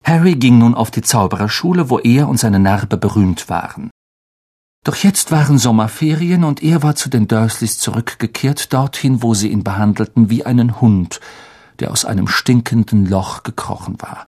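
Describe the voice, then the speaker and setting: A man narrating a children's story in an expressive audiobook style. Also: mid-range voice, normal speed, slightly rough.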